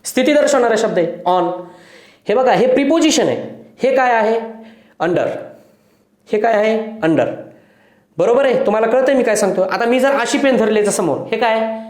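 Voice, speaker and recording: A male English teacher, explaining grammar to pupils in a lively classroom manner, repeating his points and asking the class questions. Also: very high voice, normal speed, long pauses, reverberant. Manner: affectionately addresses pupils as children.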